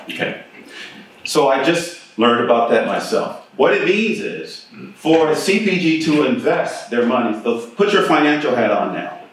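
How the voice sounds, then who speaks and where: With big pitch swings and an unhurried pace, a middle-aged man at medium pitch delivers a conversational keynote, questioning his audience. He's in a conference room with a projector screen, recorded from a distance in an echoey space with a little hiss or hum.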